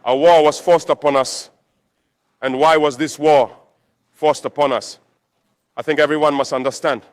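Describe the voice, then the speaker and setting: A man's voice: fairly high pitch, steady tone, normal speed. A man giving a rallying political speech to troops as a military leader, exhorting them with repetition and rhetorical questions.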